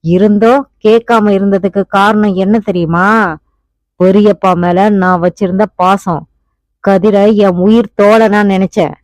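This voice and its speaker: A woman's voice: medium pitch, steady tone, a little slow, a little mellow, no room sound, lightly acted. A woman voicing a desperate young husband. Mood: commanding, angry. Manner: pleading then commanding. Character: anguished young husband, fierce when roused. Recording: dull, muffled audiobook recording.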